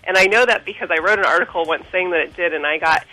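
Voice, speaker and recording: Bright chatty woman on a phone line. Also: lowish voice, quick pace. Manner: chatty, informative, some ums. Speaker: guest author. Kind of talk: phone interview.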